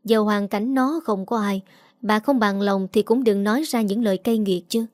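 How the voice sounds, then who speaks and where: A woman's voice: medium pitch, steady tone, moderate pace, darkish tone, no room sound, studio quality, close to an everyday voice. A woman voicing a kindly older housekeeper who speaks plainly and with motherly care. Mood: caring.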